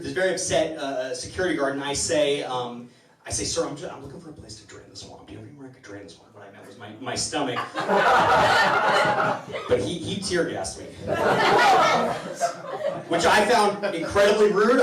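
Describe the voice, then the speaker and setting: This fairly high-pitched man hosts the comedy town hall, telling rambling stories to the crowd and often stumbling and restarting mid-sentence. The sound is distant and roomy, with plenty of live venue noise.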